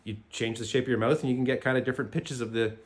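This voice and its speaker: A man with a Canadian accent giving a casual music tutorial, relaxed and halting, with fillers and restarts. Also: mid-range voice, heavy background noise. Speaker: jaw harp teacher.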